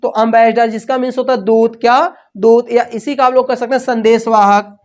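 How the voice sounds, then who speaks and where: A woman's voice: fairly high pitch, level tone, a little fast. A woman teaching English vocabulary for exam prep, with repetitive call-and-response questions, switching between Hindi and English.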